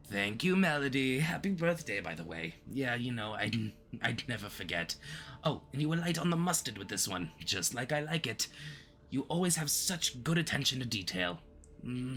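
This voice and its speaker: In a flirty, theatrical roleplay aimed at the listener, a man plays a smug yet easily flustered, obsessive supervillain who slips into awkward stammers. His voice is mid-range and fairly bright, and his mood is breezy and appreciative.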